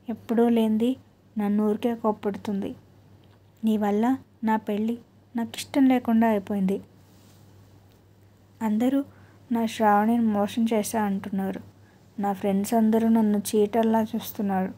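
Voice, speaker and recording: A drunk, sulky young husband in an audio storybook, as a woman narrator puts him on, dragging out slow, pleading words. The voice is mellow and a little husky, with a flat tune. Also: medium pitch, natural voice.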